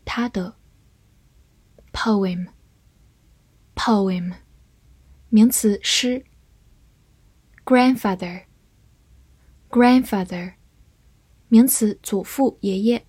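A woman's voice: on the high side, mellow, breathy edge, dry recording. A woman teacher reading a scripted vocabulary review, saying each English word twice and then its part of speech and meanings.

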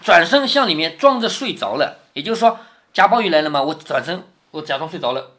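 A man with a slightly high, very animated voice speaks fairly quickly in a fairly bright tone, with Changzhou Wu-accented Mandarin. He reads a classic novel aloud to his daughter, pausing to explain passages and often tacking on tag questions to check that she follows.

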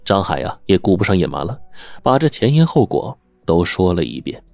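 A man narrating a dramatic story in animated oral storytelling style. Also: low-pitched, brisk, gravelly, no echo, soft background music.

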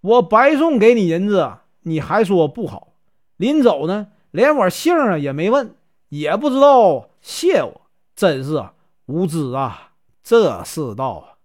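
A man's voice: high-pitched, sing-song, a little slow, heavily acted. A man with a Northeastern Mandarin accent voicing an indignant, down-on-his-luck man in a spoken folk tale. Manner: exasperated, complaining.

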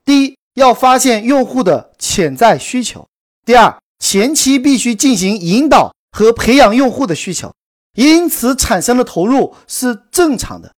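A woman telling a promotional story in a brisk, emphatic scripted sales delivery. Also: a little high, sing-song. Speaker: course promoter narrator.

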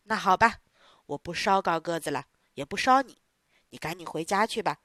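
A woman voicing a scary, gruff, bearded male theatre boss in a storybook reading, talking lower and commanding. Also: expressive, moderate pace, no room sound, clean studio sound, natural voice. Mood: softened.

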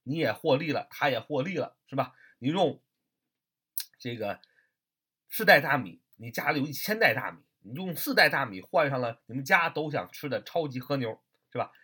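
A man's voice: mid-range voice, expressive, normal speed, bright, forceful tone, slightly rough. A man teaching English vocabulary in a chatty way, spelling words out letter by letter and asking rhetorical questions. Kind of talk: lively vocabulary lesson.

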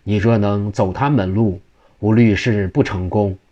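A man's voice: on the low side, fairly even intonation, a little slow, dark tone, muffled recording. A man voicing a male go-between who talks persuasively.

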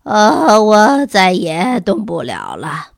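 A woman's voice: mid-range voice, huge pitch swings, creaky, dry recording, studio quality, heavily acted. A woman voicing a gasping, worn-out male teacher. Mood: breathless. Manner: panting, halting, stammering. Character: exhausted breathless middle-aged male teacher.

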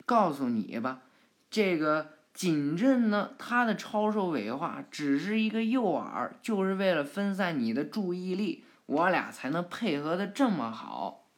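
A woman's voice: on the low side, sing-song, measured pace. A woman voicing a cocky, mischievous boy ninja who brags and teases in a spoken cartoon retelling. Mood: boastful.

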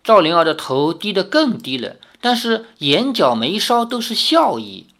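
Lively storybook reader. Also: medium pitch, normal speed. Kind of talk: reading a novel aloud.

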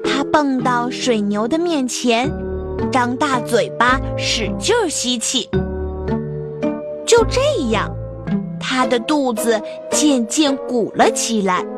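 A woman narrating a children's story in an expressive, lively way. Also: a little high, slow, over loud music.

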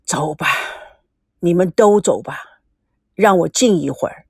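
A woman voicing a tired, reclusive old grandfather in an audiobook, with a sharp bark that sinks into a low, worn-out voice. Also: a little slow, creaky, breathy edge, no room sound, clean studio sound. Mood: weary. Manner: barking, then tired and low. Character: weary, gruff old grandfather who shuts himself away.

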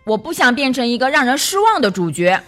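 A woman's voice: high-pitched, big pitch swings, fairly quick, a bit bright, faint music behind. A woman voicing a good-hearted young male duck who talks in an eager, good-natured way. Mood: earnest.

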